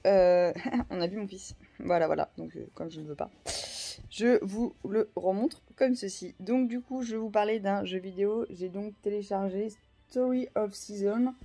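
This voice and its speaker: A woman in her thirties talks casually to her viewers in a vlog. She rambles, loops back on herself and fills pauses with hesitations, her voice sitting at a medium pitch. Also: warm tone. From France. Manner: rambling, many fillers and restarts. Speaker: vlogger.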